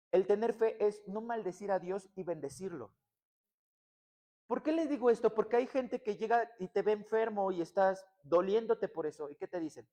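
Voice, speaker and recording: A woman preacher with a Mexican accent giving a Sunday sermon, asking the congregation rhetorical questions and swinging from hushed lows to loud, emphatic peaks.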